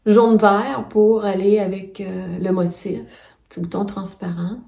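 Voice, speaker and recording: A woman's voice: mid-range voice, level tone, measured pace, gravelly, dark tone, distant mic. A middle-aged woman with a Quebec French accent, chatting casually as she shows her sewing, explaining step by step with plenty of fillers. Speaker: knitting and sewing vlogger. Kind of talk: casual show-and-tell chat. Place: home, filmed on a phone. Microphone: phone camera set back from her. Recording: echoey room, voice off-mic.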